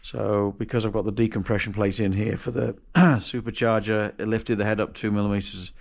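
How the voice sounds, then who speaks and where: A man with a lowish voice, vocal fry and fairly even intonation speaks briskly. He's a home mechanic vlogger casually narrating an engine rebuild as he works in a big, cluttered indoor garage, thinking aloud with restarts and self-corrections. He's recorded on a chest-mounted action camera.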